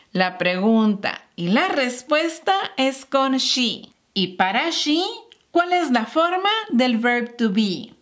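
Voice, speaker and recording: A woman teaching beginner English in a slow, scripted lesson, carefully modeling each phrase. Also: a little high, a bit bright.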